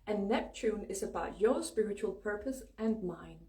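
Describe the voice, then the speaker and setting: A woman's voice: mid-range voice, expressive, moderate pace, mellow. A woman with a Danish accent, a native Danish speaker, giving a casual spiritual talk as host, informal and emphatic with free swearing. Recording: roomy echo, distant microphone.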